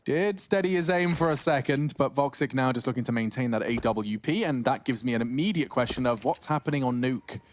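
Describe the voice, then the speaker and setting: A man's voice: medium pitch, lively intonation, a little fast, hardly any pauses. A man doing live commentary on an esports match in the manner of a caster.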